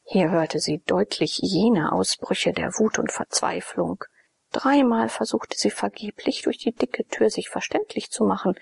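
A woman narrating a historical novel in a hushed storytelling manner. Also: medium pitch, unhurried, vocal fry, breathy edge, no room sound. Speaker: audiobook narrator.

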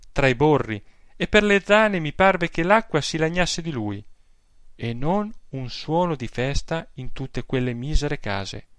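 Man with a gravelly reading voice. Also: medium pitch, no echo. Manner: measured, reflective, literary. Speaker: audiobook narrator. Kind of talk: literary story reading.

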